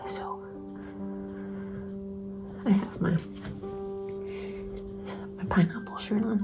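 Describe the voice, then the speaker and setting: A young woman speaks in a hushed, tearful whisper, nervous and emotional. She sits at an ordinary middle pitch, and gentle guitar music plays clearly behind her. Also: very slow. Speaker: vlogger filming a pregnancy test. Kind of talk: intimate whispered vlog.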